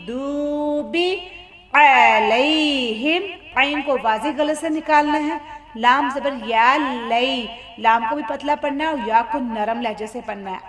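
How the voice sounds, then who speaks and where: A woman teaching Quran recitation from Pakistan. She spells out letters and vowels patiently and draws out syllables so learners can repeat them. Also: sits high.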